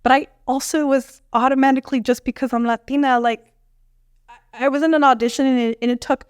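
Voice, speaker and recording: A young adult woman from a Bolivian family, a dietitian guest telling her story in an animated way, full of fillers and acted-out quotes. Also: sits high, fairly quick, clean tone, dry recording, clean studio sound. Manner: animated, many fillers, acts out quoted dialogue. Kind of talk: conversational storytelling interview.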